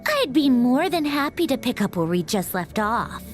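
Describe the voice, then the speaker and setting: A woman's voice: fairly high pitch, very animated, normal speed. A woman voicing a bitter, disdainful young villainess in a video game, sneering and menacing. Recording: music under the voice.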